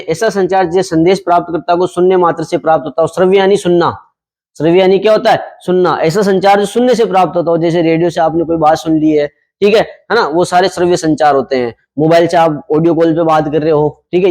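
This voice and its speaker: A man's voice: a little high, a little mellow. A young man teaching a class, explaining exam topics in a conversational way and asking the students questions that he then answers himself.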